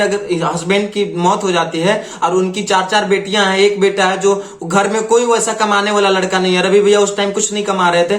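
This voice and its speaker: Guy reacting to clips, keeps lecturing and repeating himself, high voice, echoey room. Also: a bit bright. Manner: earnest, repetitive, lecturing. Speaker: reaction video host. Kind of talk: commenting on clips.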